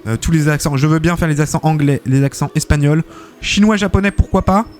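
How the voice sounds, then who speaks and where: A man's voice: on the high side, fairly quick, a little mellow, faint music behind. Chatty male game streamer. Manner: chatty, thanks viewers often, many fillers and "hein". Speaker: streamer hosting a tournament. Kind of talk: live-stream game commentary and chat reading.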